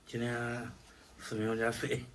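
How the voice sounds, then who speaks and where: A man's voice: medium pitch, little pitch movement, moderate pace, far from the mic, a little hiss or hum. A man, chatting casually as a vlogger. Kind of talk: casual vlog chat. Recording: background music, voice off from mic. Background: music.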